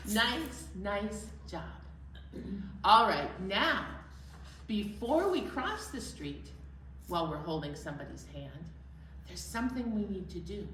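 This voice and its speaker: A woman with a mid-range, expressive voice takes her time while hosting a children's library storytime. Her phrases are simple and encouraging for young children, and she leads sing-alongs. The recording is roomy and distant, with music and background noise.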